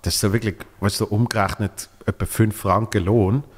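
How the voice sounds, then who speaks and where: A man with a Swiss German accent, a comedian guest in casual chat, telling lively anecdotes and acting out the voices of the people in them. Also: fairly low pitch, fairly quick, breathy edge, long reverb tail. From Switzerland. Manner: lively storyteller, acts out quoted voices.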